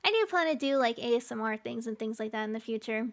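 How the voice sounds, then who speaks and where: Streaming live, a woman chats casually with her chat, giggling often between lines and trailing off with fillers. Her voice is a little high and expressive, and she talks fast.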